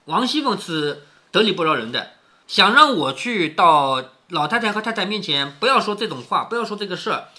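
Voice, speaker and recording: A man's voice: sits high, big pitch swings, fairly quick, sharp tone. A man reading a classic novel to his daughter and explaining it as he goes, chuckling and asking rhetorical questions. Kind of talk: storytelling reading with commentary.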